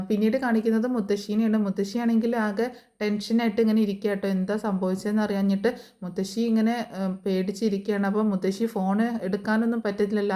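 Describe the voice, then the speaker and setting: Mellow-voiced woman recapping a serial. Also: medium pitch. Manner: chatty, frequent fillers and tag words. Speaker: serial review narrator. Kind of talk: casual storytelling recap. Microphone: voice-over.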